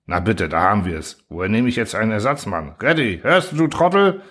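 A man voicing a furious, bossy male engineer who shouts and berates his staff. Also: medium pitch, lively intonation, normal speed, husky. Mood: fuming.

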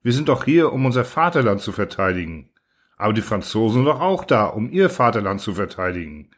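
A man's voice: fairly low pitch, very animated, brisk. A man reading the lines of a thoughtful young soldier who asks probing, earnest questions.

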